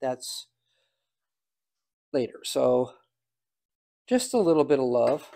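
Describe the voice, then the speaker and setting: A man's voice: medium pitch, very animated, slow pace, creaky, mellow. An older man giving a casual hands-on demonstration, talking aloud in a folksy, dryly humorous way. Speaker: home cider maker demonstrating.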